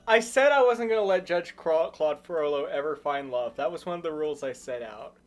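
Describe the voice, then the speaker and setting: Animated woman streamer with swooping pitch. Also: brisk, faint music behind. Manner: excitable, swings from muttering to shrieking. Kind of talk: casual live game commentary.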